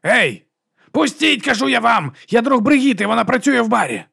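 Giddy drugged detective voiced by a male audiobook reader, raised pitch, dry close sound. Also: brisk, dry recording, lightly acted. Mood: frantic shouting. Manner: excited, tipsy rambling, shouting at times. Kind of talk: audiobook character voice.

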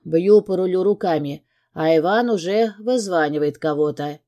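A woman's voice: lowish voice, normal speed, mellow. A woman narrating a first-person novel as an audiobook, reading in a tense, dramatic way.

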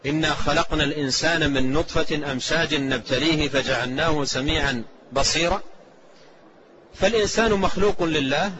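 Measured man teaching a creed lesson. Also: fairly high pitch, a bit bright. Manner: measured, repeats key phrases for emphasis; recites quoted scripture and hadith. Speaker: sheikh teaching a creed text. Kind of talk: lecture explaining a classical text. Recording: slightly dull lo-fi recording with faint hiss.

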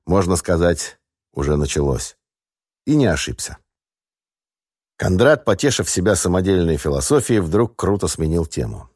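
A man narrates a first-person audiobook in a measured, wry way. His voice is very low and the booth sound is dry and close. The reading is steady and scripted. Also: breathy edge, no room sound.

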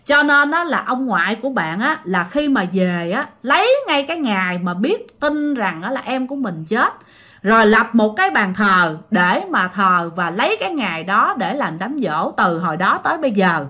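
A woman tells a ghost story casually and chattily, speaking directly to her listeners. Her voice is fairly high, sharp-toned, and sing-song at a moderate pace.

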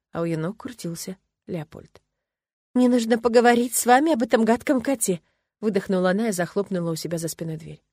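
Calm woman reading an audiobook. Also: fairly low pitch, no echo. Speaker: audiobook narrator. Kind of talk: first-person audiobook narration.

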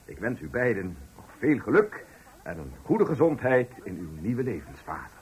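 Playing a self-important company director in a Dutch radio play, this man gives a ceremonious, condescending farewell speech in an oily, formal style. His voice sits on the low side, his pitch swoops wildly, and he speaks at a moderate pace.

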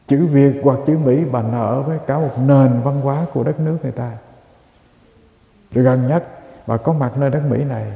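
A Buddhist monk preaches in a deep, very dark voice with a gravelly edge. His delivery is measured and emphatic, and he keeps turning to address his listeners. The sound rings with the long reverb of a large hall. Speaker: Buddhist monk giving a dharma talk. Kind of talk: sermon.

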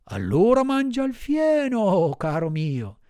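Man voicing angry stable master, mocking, slow, dry sound. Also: high-pitched, wildly swooping pitch, warm tone, no room sound, voice pushed up, heavily acted. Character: gruff stable master, quick-tempered, scolding.

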